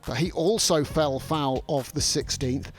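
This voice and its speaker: Male golf commentator for a highlights show, voice a touch high, light music bed underneath. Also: measured pace.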